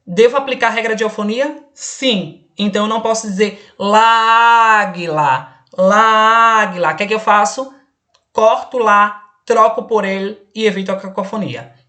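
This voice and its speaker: A woman's voice: mid-range voice, a bit bright. A woman teaching an online exam-prep Spanish lesson, patient and explanatory, often checking that students follow along. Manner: slow, patient, checks understanding with "perfeito?".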